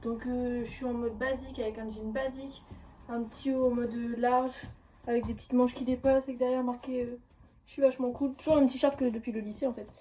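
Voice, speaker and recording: A woman's voice: on the high side, flat delivery, fast talker, warm tone, a little hiss or hum, rough recording. A young woman with an accent from France chatting casually in a vlog, slangy and self-mocking, dropping in English words. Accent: French from France. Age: young adult. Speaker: vlogger and university student.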